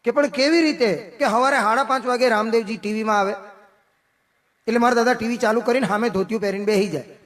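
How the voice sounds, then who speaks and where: A man performing folk comedy on stage. He tells jokes as dialogues and drops lower and softer for his own replies. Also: steady tone, quick pace. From Gujarat, India. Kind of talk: live folk comedy storytelling. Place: outdoor festival stage.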